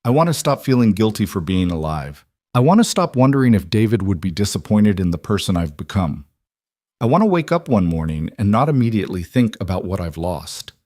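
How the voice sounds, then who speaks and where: A man voicing a weary, grieving young widow in a storybook reading, in his own low, dry voice. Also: sing-song, fairly quick, darkish tone, no echo. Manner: tired, pleading.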